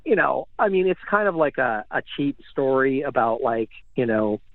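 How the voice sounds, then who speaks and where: Guest, rambling storyteller, tinny dry phone line. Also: male voice, mid-range voice, very animated, moderate pace, no echo. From Canada. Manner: rambling, many fillers. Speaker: guest, recording engineer. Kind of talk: casual storytelling.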